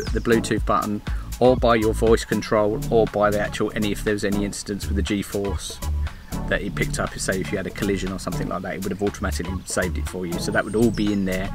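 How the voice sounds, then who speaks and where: A middle-aged man talking casually through a product review, rambling a little and restarting his sentences. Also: fairly low pitch. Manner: rambling, restarts often, plain and friendly. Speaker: vlogger reviewing a dash cam.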